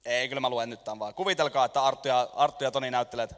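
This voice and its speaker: A man preaching a lively sermon to a congregation, jokey and animated, staging a skit with volunteers. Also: mid-range voice. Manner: animated, jokey, lets the room laugh. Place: church hall. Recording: long reverb of a large hall.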